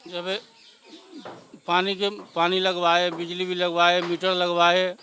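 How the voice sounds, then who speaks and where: Male resident, high bright voice, bitter and indignant street interview. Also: completely flat delivery, takes it slowly, slight background noise. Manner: resigned, then bitter and indignant. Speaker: local resident, temple priest. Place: outdoors at a demolition site.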